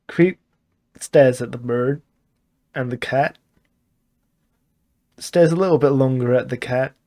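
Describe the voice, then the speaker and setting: A player slowly and deliberately describing their character's actions, sounding amused. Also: mid-range voice, warm tone. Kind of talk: describing a character in a tabletop game.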